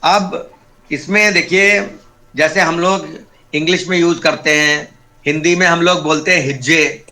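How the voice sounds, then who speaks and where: A man teaching a Sanskrit class online, his voice fairly high and bright. He explains patiently, step by step, and repeats each key term. The sound is that of a video call. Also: fairly even intonation, unhurried.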